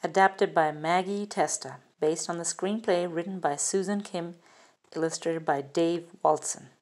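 A woman reading a picture book aloud, slowly and carefully, asking the listener questions, recorded on a phone held over the pages. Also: lowish voice, steady tone. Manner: slow, careful, sing-song with questions to the child. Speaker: reader. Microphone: phone filming the book up close.

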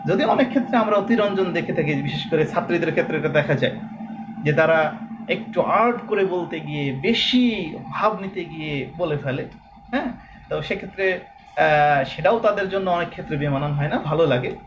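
A man from Bangladesh teaching a lesson, explaining patiently and slowly drawing out sounds as examples. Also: on the high side, muffled recording, background noise. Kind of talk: recorded classroom lesson.

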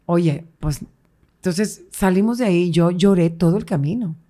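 Middle-aged woman, interview guest, lively storyteller. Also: fairly low pitch, normal speed. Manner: animated, acts out quoted voices, laughs often.

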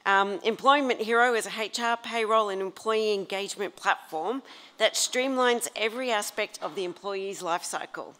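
A woman's voice: mid-range voice, normal speed, a bit bright. A woman hosting an event, giving a formal stage introduction. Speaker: event host introducing a speaker.

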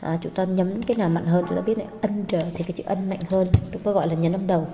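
Woman teacher, mellow and patient, slightly echoey with light background noise. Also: on the low side, fairly even intonation, quick pace. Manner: patient, hesitant with frequent fillers. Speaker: English teacher. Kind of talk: explaining exam answers. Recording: long hall reverb, faint noise.

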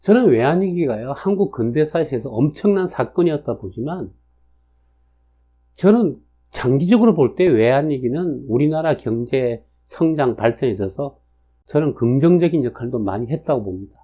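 A man's voice: medium pitch, animated, normal speed, breathy edge. A man in his sixties giving a casual spoken lecture, chatty, with frequent fillers and tag questions. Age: 60s. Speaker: lecturer on national fortune cycles. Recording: dull lo-fi recording.

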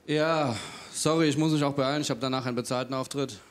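Cheeky deadpan male stand-up comedian. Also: medium pitch, quick pace. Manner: cheeky, deadpan self-mockery. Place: stage before a live audience.

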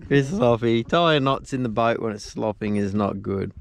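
A man's voice: mid-range voice, moderate pace, gravelly. A middle-aged Australian man giving blunt, casual running commentary while fishing from a small boat at sea, swearing freely and laughing easily. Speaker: fishing vlogger. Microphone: boat-mounted action camera. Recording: outdoor boat noise on camera mic.

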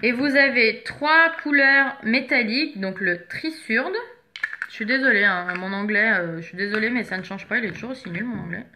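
A makeup seller with a fairly high voice presents products one at a time, speaking briskly with hardly any pauses over background noise. She's chatty and occasionally stops to search for an item she can't find.

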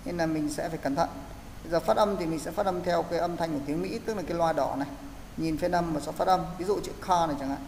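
Male pronunciation teacher, a bit high, coaching patiently in a roomy echoey space with faint hiss. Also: fast, vocal fry, a little mellow. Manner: explanatory, coaching students step by step. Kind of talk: online class instruction.

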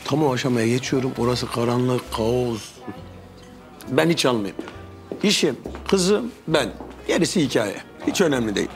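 An actor playing a jovial middle-aged police chief who jokes with friends in casual slang. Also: male voice, medium pitch, lively intonation, moderate pace, natural voice. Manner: jovial, teasing, affectionate slang. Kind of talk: TV drama acting. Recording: scene with loud music score.

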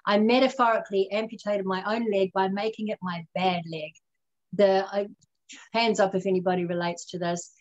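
A woman who is a radio interview guest, telling her own story earnestly and reflectively and slowing down on the lessons she wants to land. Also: medium pitch, fairly even intonation, darkish tone, muffled recording. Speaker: guest speaker.

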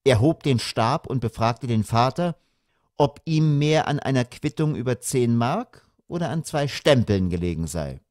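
A man reads a humorous story aloud with wry timing and animated pitch. His voice sits mid-range and is recorded dry and close, with no room sound. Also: unhurried, no room sound. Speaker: audiobook narrator. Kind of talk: scripted humorous narration.

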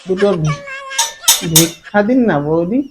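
A slow-pleading humble beggar. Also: male voice, sits high, lively intonation, heavy background noise. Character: humble male beggar, pleading and overly grateful. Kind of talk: comedy sketch acting. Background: loud background music.

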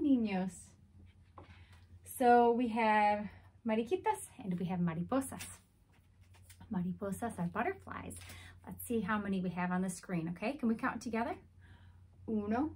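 A woman teaching Spanish words to young children, counting and singing in a slow, sing-song way. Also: medium pitch, husky. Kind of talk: children's language lesson.

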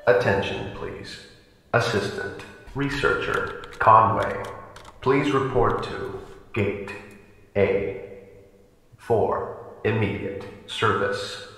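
A man's voice: lowish voice, slow, pauses often, a bit bright. A man making clipped paging announcements over a facility intercom. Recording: echoey intercom in a large hall.

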